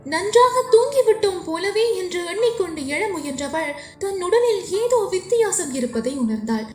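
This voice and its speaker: A woman's voice: very high-pitched, sing-song, normal speed, darkish tone. A young woman with a Sri Lankan Tamil accent, narrating a novel chapter in a dramatic, emotive way. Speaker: storyteller. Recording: echoey room with faint music.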